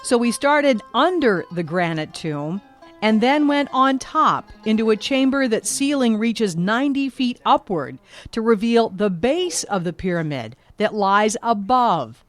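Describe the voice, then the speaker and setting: A woman reporter giving a scripted documentary narration, measured and vivid. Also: a little high, animated, faint music behind.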